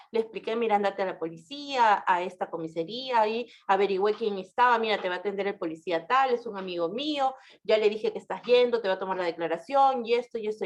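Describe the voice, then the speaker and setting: A woman lawyer gives a relaxed talk packed with anecdotes. Animated as she tells her stories, she keeps tacking tag questions onto her sentences and changes her pitch whenever she quotes someone.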